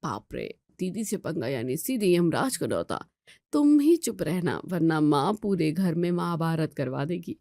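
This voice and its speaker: A woman voicing a teasing young husband, pushing her voice lower. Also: very animated, a little slow, gravelly, mellow, no room sound, studio quality, full character voice. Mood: joking.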